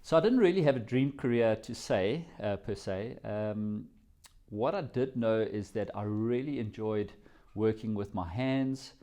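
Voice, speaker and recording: Low, dark-voiced South African man. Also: unhurried. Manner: reflective, rambling storyteller. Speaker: company CEO, guest. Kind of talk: interview answers.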